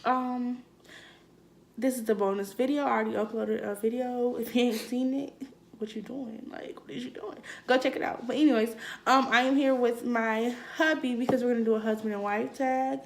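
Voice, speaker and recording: A woman's voice: fairly high pitch, fairly even intonation, brisk. A woman hosting a casual vlog, chatting in a playful, teasing, slangy way. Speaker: vlog host. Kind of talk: casual chat.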